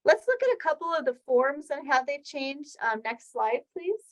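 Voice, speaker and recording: Presenting her weekly healthcare training session, a woman speaks at a moderate pace in a high, sing-song voice. This educational webinar has her explaining each slide step by step, conversationally and with examples.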